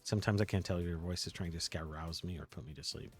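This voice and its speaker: A man voicing a calm, dry-witted female bartender in a video game, speaking low and deadpan. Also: fast talker, husky, soft background music.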